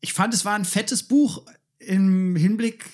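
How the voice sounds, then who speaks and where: A woman with a husky, mid-pitched voice moderates as co-host. Her delivery is casual and conversational, guiding the discussion along. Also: measured pace, darkish tone.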